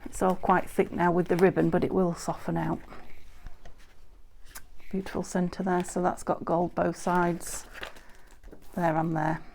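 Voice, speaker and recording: A British woman with a fairly low, slightly croaky and a little mellow voice talks through a casual crafting tutorial at an indoor craft table, pitch barely moving. She speaks at a measured pace, pauses often, and rambles chattily with frequent ums and self-corrections. An overhead camera shows just her hands on the table, with slight background noise.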